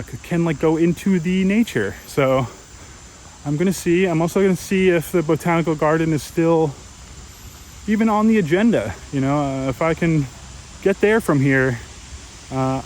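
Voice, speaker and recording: A man's voice: on the high side, a little mellow, a little hiss or hum, rough recording. A young man vlogging casually while walking outdoors through a city park, musing aloud with fillers and restarts into a handheld camera. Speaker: travel vlogger.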